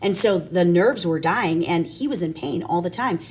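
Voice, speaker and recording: A woman's voice: lowish voice, normal speed, darkish tone, husky. A woman guest telling an emphatic, anecdotal personal testimonial in an interview.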